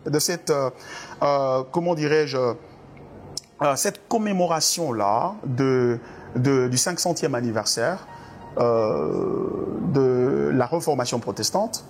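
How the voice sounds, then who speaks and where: With soft music in the background, a Congolese pastor talks slowly in a mid-range voice while answering interview questions about church doctrine. His manner is earnest and preacherly, marked by frequent hesitations and repeated words.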